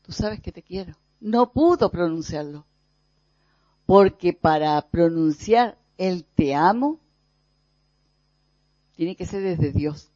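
A preacher from gives a reflective spiritual teaching, speaking thoughtfully with pauses and soft repetitions. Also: mid-range voice, dry recording. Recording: dull, dry lo-fi recording.

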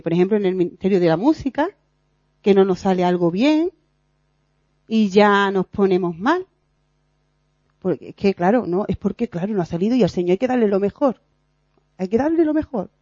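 A woman preaches informally to her fellow believers. Her voice is mellow and warm, and her delivery is earnest and lively. The recording is dry and slightly dull, like a low-fi capture. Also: no echo. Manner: earnest and animated, acts out quoted voices, laughs at herself. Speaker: lay preacher in a prayer meeting. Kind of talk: informal sermon.

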